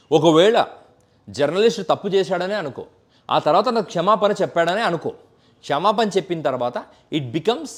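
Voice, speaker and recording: A man giving an impassioned political commentary, stacking repeated phrases and mixing in English words. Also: high voice. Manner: mixes English words into speech.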